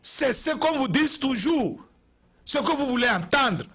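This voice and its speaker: A man's voice: extremely high pitch, expressive, a little slow, fairly bright tone, breathy edge. A man from Togo, giving an impassioned TV address and repeating phrases for emphasis. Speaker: TV commentator.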